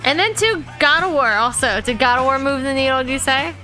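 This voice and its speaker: Bright, teasing woman on a podcast. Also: high voice, a little fast, soft background music, low-quality recording. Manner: teasing, jokey, swearing. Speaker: podcast co-host. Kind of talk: casual podcast chat.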